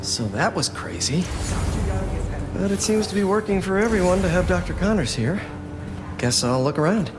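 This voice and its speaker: Young male game hero, brainy, friendly, slightly high voice, casual, earnest. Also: sing-song, moderate pace, pauses often, over music. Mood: musing. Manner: casual, earnest, musing to himself. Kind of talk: video game voice acting.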